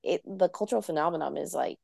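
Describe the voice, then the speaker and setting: A woman co-hosting a movie podcast in casual chat, animated and full of fillers, sometimes humming tunes. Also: lowish voice, quick pace, gravelly, no echo, studio quality. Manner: animated, filler-heavy, hums melodies. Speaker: podcast co-host.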